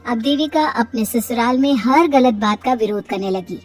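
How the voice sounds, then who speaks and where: A woman narrating an animated family story in a steady storytelling manner. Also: a little high, normal speed, distant mic. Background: soft music.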